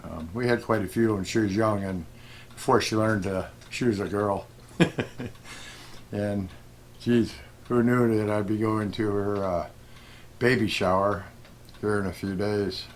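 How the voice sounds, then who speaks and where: Brief: middle-aged man, lowish voice, folksy rambling storyteller outdoors, faint noise behind. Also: steady tone, a little slow, pauses often. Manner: folksy, rambling, with chuckles and many fillers. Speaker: gold prospecting vlogger. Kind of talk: casual storytelling. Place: outdoors at a desert detecting spot.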